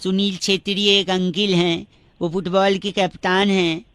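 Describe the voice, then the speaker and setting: A man doing a bright, cheeky prankster voice. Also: high-pitched, little pitch movement, unhurried, clean tone, no room sound. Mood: mischievous. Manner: silly, pun-loving, mock-polite. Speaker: radio prank caller. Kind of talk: radio prank call.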